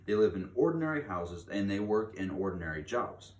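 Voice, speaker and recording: Drawing out important words for dramatic effect, this read-aloud storyteller delivers a children's book with great animation and emphasis, a little on the fast side. His voice leans low, and the distant mic picks up room echo and background noise.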